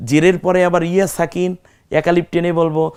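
A man's voice: sits high, little pitch movement, a little fast, darkish tone, smooth. A man teaching Quran recitation, explaining step by step and drawing out the Arabic syllables he demonstrates. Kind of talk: recitation lesson.

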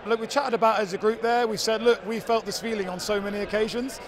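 A young man, a rugby head coach, giving a frank post-match interview outdoors beside the pitch, quickly repeating words as he talks. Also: fairly even intonation. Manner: rapid, repeats words, frank about defeat. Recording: crowd noise outdoors.

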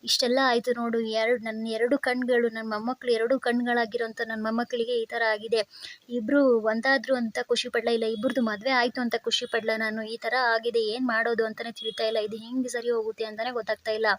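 An old grandmother laments, torn between joy and sorrow, as a woman quotes her. The voice runs quickly and evenly, pitched slightly high. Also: flat delivery, close to an everyday voice. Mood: lamenting.

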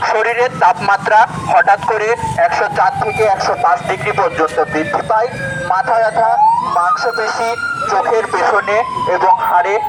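A man announces a public notice over a loudspeaker, his voice pitched high and delivered in a slow, formal cadence. Now and then he stumbles and restarts a word. Heavy street noise surrounds the amplified voice. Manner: formal, slow and declamatory, with occasional slips and restarts. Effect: amplified through a loudspeaker. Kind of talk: read-out public service announcement.

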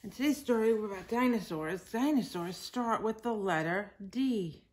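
With a mid-range voice, lively intonation and a moderate pace, a woman in her forties reads a picture book aloud to young children like a teacher at storytime. She keeps her phrases simple, emphasizes key words and slips in asides to the kids, indoors in a home living room.

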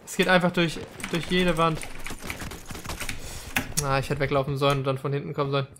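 A man's voice: a little high, steady tone, a little fast, background noise. A young man gives chatty, slangy let's-play commentary, rambling casually with English gamer words mixed in. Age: young adult. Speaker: gaming video host.

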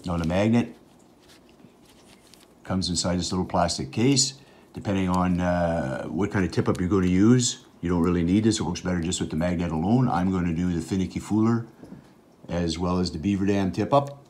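Working at a workbench indoors, an outdoors channel host in middle age talks through a hands-on project while the camera looks down at his hands. His very low voice has a darkish tone over slight background noise, and his casual how-to explaining is plain and matter-of-fact, with the odd "uh" filling gaps.

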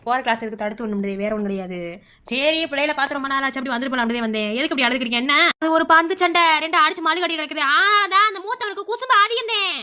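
An affectionate cartoon village mother played by a woman rattles along at a very fast clip. Her voice is high and bright, and she has a Madurai Tamil accent. She talks in a coaxing way. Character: chatty village mother, fond and talkative. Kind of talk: cartoon voice acting.

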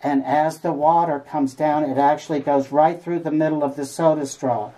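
Inside a cave among her tour group, a folksy female guide jokes and talks informally, recorded at a distance by a visitor's camera. She has a low, dark voice with fairly even intonation and normal speed, and the on-location audio is noisy.

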